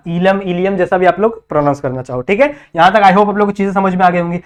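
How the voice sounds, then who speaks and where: Tutoring biology in Hindi-English, a fast-talking man with a high, smooth voice and fairly even intonation draws a diagram on the whiteboard. Each term gets echoed back as a question, and he frequently checks on his students with "thik hai."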